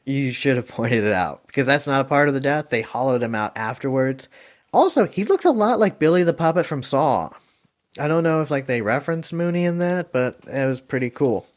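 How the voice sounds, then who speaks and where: Guy hosting a chill movie review podcast, mid-pitch voice, lots of um and like, kinda rambly. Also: animated, a little fast. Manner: rambling, hesitant, many ums and likes, chuckles.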